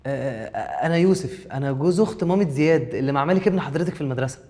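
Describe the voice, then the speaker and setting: An actor playing an anxious young husband in a TV comedy, speaking with an Egyptian Arabic accent in a flustered, exasperated way. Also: male voice, fairly high pitch, rapid-fire, mellow, close to an everyday voice. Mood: awkwardly polite. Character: frazzled young husband, anxious and quick to panic. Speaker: software engineer husband. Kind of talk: TV comedy series acting.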